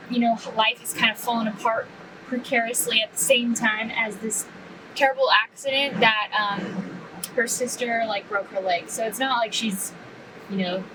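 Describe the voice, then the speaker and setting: A woman chatting casually about a book while she drives, rambling with lots of fillers. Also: a little high. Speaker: book vlogger. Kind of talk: casual chat while driving. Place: inside a moving car. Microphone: camera mounted in the car. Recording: distant camera mic, road noise.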